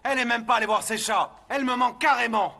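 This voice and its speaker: A man dubbing an overwhelmed, hot-tempered young father who talks in an agitated way and shouts at times in a dubbed television drama. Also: extremely high pitch, fast talker, vocal fry, heavily acted. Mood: frantic.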